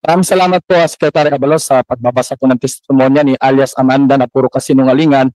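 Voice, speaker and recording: A man's voice: medium pitch, steady tone, very fast, a little mellow, dry recording, rough recording. A man, a church minister, giving impassioned, deferential testimony at a formal public hearing. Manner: impassioned, deferential, heavy use of polite particles.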